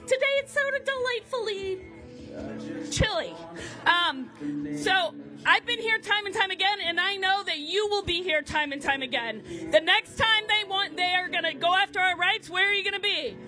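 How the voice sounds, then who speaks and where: A woman's voice: very high-pitched, normal speed. A woman hosting an outdoor rally in a rousing speech style, leading call-and-response chants with informal asides. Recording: live rally, crowd and music behind.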